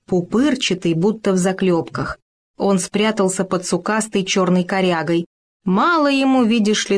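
A woman giving expressive, playful narration of a children's story. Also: on the low side. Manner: lively, playful, animated reading.

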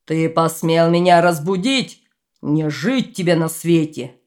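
A woman voicing an angry male dragon, lord of the forest, who threatens in a slow, booming voice. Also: darkish tone. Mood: furious.

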